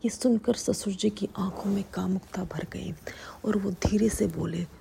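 A woman narrating a first-person story in a steady, intimate whisper. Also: mid-range voice, unhurried, gravelly, slight background noise.

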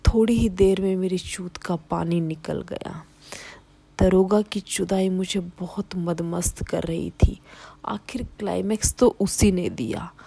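A woman telling a first-person story in a hushed whisper. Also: on the low side, breathy edge.

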